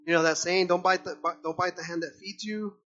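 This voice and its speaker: Bright, high-voiced man preaching a sermon. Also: fairly quick, highs cut off, faint music behind. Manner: animated, acts out voices of people and animals; addresses the congregation as brothers and sisters. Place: church service.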